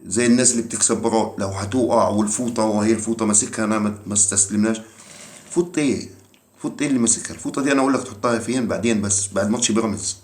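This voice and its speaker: A man's voice: lowish voice, racing, darkish tone. A man with an Egyptian accent giving a heated, teasing football rant, mocking and repeating himself for emphasis. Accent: Egyptian Arabic. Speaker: football commentary vlogger. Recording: echoey room.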